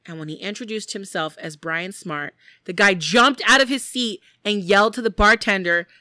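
A woman's voice: mid-range voice, normal speed, no room sound, studio quality. A woman co-hosting a podcast, casually recounting a true-crime case and acting out the people in it, with lots of "like". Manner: animated, acts out quoted people, frequent "like". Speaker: podcast co-host.

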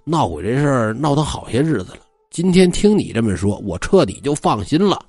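A man playing a timid, courteous young scholar who cuts firewood, in a husky voice. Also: medium pitch, big pitch swings, fairly quick, darkish tone, no echo, soft background music. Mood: nervous. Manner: nervous, bookish, courteous. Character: timid polite young male scholar woodcutter.

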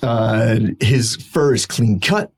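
A man narrating as game master in a halting way, with many fillers. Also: medium pitch, creaky, breathy edge. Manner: halting, filler-heavy description.

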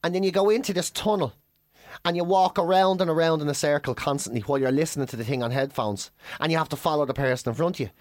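A man's voice: a little high, fast, no room sound, studio quality. A man, a comedian host telling a funny story in casual chat, swearing and mimicking people. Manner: animated, swearing, mimics others.

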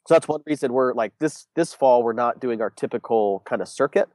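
A young business owner appears as an interview guest, sounding congested and sick. His medium-pitched, slightly mellow voice moves a little fast with no echo, and he talks casually, rambling with lots of fillers and restarts.

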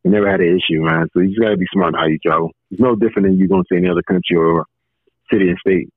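A man calling in to a podcast over a muffled, bass-heavy phone line, talking in a calm, laid-back, reassuring way. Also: racing, breathy edge, dry recording. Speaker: caller. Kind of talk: casual podcast chat.

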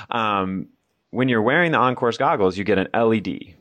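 A man's voice: on the low side, lively intonation, moderate pace, fairly bright tone, no echo. A man hosting a gear podcast, interviewing a guest with curious questions and frequent affirmations. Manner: curious, affirming, many backchannels. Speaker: podcast host. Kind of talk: interview, casual chat.

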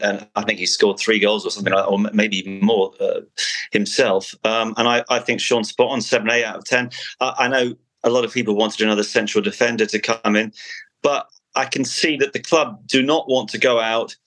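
A man's voice: lowish voice, steady tone, fairly quick, fairly bright tone, poor audio. A man giving his views as a guest in a casual football discussion.

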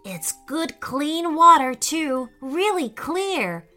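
A kind, eager little boy from a storybook, put on by a woman narrator. The voice sits very high and bright, bouncing up and down as it speaks slowly. Soft music plays underneath. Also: full character voice. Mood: sweet, flattering. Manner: high and excitable.

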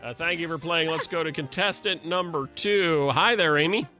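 A man's voice: fairly high pitch, normal speed, sharp tone. An American man hosting a morning radio contest with playful, joking banter. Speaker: radio show host. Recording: music bed behind voice. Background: background music.

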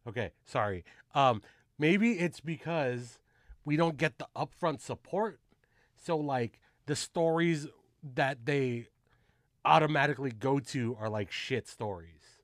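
A man's voice: mid-range voice, a little slow, dry recording. A man hosting a casual podcast chat, loose and slangy, with a profane, easygoing delivery. His voice sits in a middle range and sounds dry and close, with no room around it. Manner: laid-back, slangy and profane, lots of "you know what I mean". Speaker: podcast host.

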